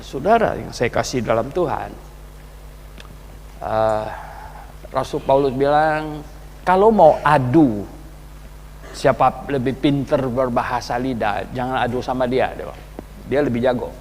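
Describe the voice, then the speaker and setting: A man's voice: medium pitch, unhurried, long pauses, darkish tone, in a large hall, slight background noise. An older man, a pastor preaching a sermon at a prayer meeting in a casual, conversational way with chuckling asides. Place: church prayer meeting hall.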